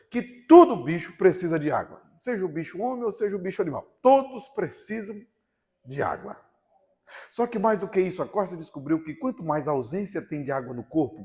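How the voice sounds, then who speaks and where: A young man with a Brazilian Portuguese accent and a fairly high-pitched voice preaches live to a congregation in a church. He's an animated, funny storyteller who swings between loud and hushed.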